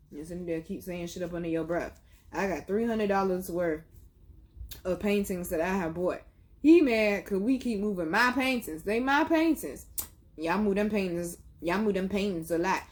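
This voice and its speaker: A young woman telling a blunt, profane story in a casual vlog. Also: fairly low pitch. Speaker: vlogger.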